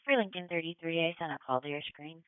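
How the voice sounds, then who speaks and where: A woman's voice: sits low, fast, smooth, no room sound. A woman police dispatcher giving clipped, procedural calls, heard over a police radio. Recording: narrow radio-scanner audio.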